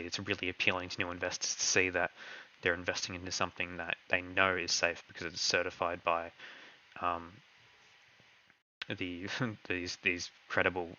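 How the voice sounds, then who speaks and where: Low-voiced man losing his voice. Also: bright, forceful tone, lo-fi sound, slight background noise. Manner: hesitant, heavy on fillers and "kind of". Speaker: crypto project host answering community questions. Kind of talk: live online Q&A chat.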